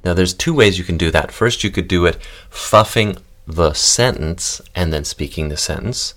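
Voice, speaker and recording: A man hosting a podcast voice lesson, calmly guiding listeners through breathing, fuffing and humming exercises. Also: low-pitched, normal speed. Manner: calm, guiding instructions with demonstrations. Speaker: voice and text coach.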